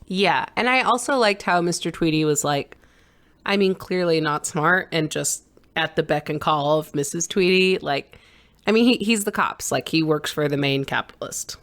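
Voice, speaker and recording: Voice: mid-range voice, normal speed, fairly bright tone. A podcast co-host chatting casually, joking and laughing often. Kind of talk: casual chat.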